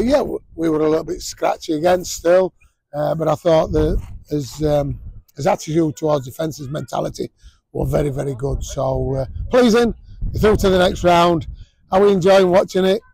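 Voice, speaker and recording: A man's voice: a little high, steady tone, normal speed, vocal fry, a little mellow, low-quality recording. A man, a rugby coach giving a blunt post-match interview outdoors, full of fillers and restarts. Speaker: rugby league head coach. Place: outdoors at a sports ground.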